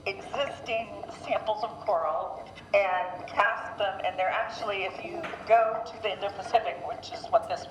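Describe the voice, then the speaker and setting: A woman's voice: medium pitch, normal speed, fairly bright tone. A woman working as a volunteer scuba diver answers audience questions during a live aquarium presentation, speaking underwater. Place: underwater in aquarium tank, through diver communication system. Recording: echoey diver mask microphone, background noise.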